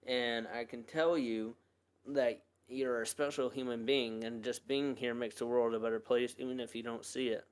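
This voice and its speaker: A young man speaks in a personal podcast monologue at a middle pitch, earnest and rambling. He starts over often and leans on many fillers as he talks. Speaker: podcast host.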